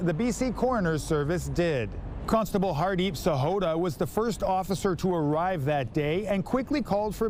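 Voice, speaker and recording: A Canadian man reads a scripted TV news report in a notably high voice. Faint noise sits behind his narration. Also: a little mellow.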